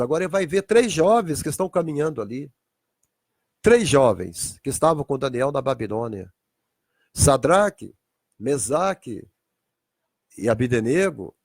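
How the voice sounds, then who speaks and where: A man's voice: on the high side, a little mellow, husky, no echo, studio quality. A man preaching a dramatic livestreamed sermon, acting out biblical scenes as he goes. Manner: theatrical, acts out biblical scenes. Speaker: pastor.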